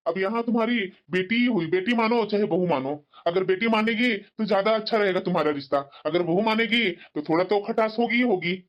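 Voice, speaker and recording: A kindly, patient father in a cartoon family drama, as a performer voices him. He gently lectures his family in a middle-pitched voice, and the lo-fi recording sounds dull. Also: fairly quick, few pauses, lightly acted. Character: kindly middle-aged father, elder brother. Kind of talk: cartoon voice acting. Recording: dull lo-fi audio.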